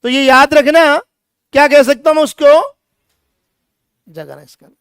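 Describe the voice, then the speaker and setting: A man's voice: very high voice, steady tone, a little slow, a bit bright, no echo, clean studio sound. A man, teaching a chemistry lecture energetically, teasing his students with rhetorical questions. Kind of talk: classroom lecture.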